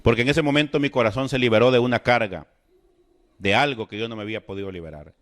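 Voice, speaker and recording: A man's voice: medium pitch, fast. Earnest man giving a faith testimony. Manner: earnest storytelling that addresses listeners directly; acts out remembered dialogue.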